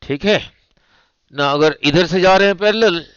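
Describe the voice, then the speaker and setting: A male physics teacher, lecturing slowly and repeating himself, often asking "right?" to check understanding. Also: high voice, a bit bright, clean tone, no echo, highs cut off. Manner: slow, repetitive, checks understanding with rhetorical "nahin?". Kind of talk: classroom lecture at a board.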